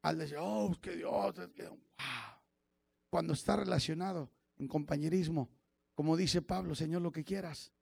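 A man preaching a fiery sermon as pastor, dropping to low murmurs and rising to shouted exhortation, often calling out "hermano". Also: moderate pace, creaky, husky, no room sound. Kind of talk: fiery Pentecostal-style sermon.

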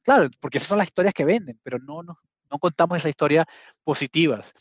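A man's voice: fairly high pitch, quick pace, no echo. A man, a guest telling his story earnestly and often restarting his sentences. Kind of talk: conversational storytelling. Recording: dull, dry sound.

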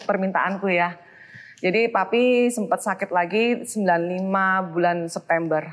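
A woman's voice: fairly low pitch, moderate pace. A woman in her forties with a Surabaya Indonesian accent, telling a personal story as an interview guest, emotional and slipping into English phrases. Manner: emotional, mixes English phrases, acts out quoted voices.

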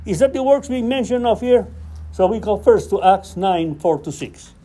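A man's voice: high voice, animated, moderate pace, dark tone. A man leading a Bible study, preaching and acting out scripture dialogue with rising questions.

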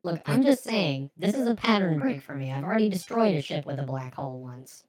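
A woman playing a tabletop game, playful and quick to laugh. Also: low voice, lively intonation, a little mellow, no echo, rough recording. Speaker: player. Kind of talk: casual tabletop role-play.

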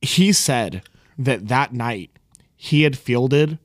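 A man's voice: mid-range voice, animated, extremely slow, no room sound, clean studio sound. A young man co-hosting a podcast, telling a story casually with laughs and loose asides. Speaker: podcast host. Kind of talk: casual chat.

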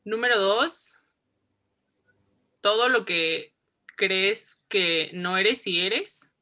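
A woman's voice: medium pitch, very slow, sharp tone. A woman, reflecting in a casual interview, who repeats herself and laughs often. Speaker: interview guest.

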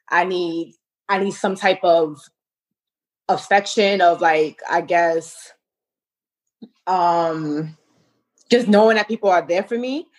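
A young woman from New York on a casual podcast, speaking hesitantly with many fillers while holding back tears. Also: on the low side. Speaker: podcast co-host. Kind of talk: casual personal chat.

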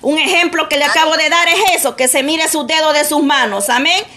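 Woman preacher, high bright voice, earnest, sprinkles amens. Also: fairly quick. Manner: earnest, repeats "amén" often. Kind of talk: sermon.

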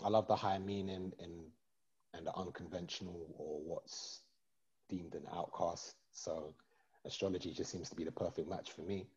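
Low-voiced man, lo-fi sound. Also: steady tone, normal speed, a little mellow. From East London. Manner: joking, laid-back, rambling. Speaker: podcast host. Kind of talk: casual chat about astrology.

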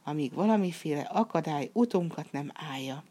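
Woman reading a storybook magic saddle: unbothered, soft, low and even. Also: husky. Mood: cool. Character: magic flying saddle, calm and unmoved.

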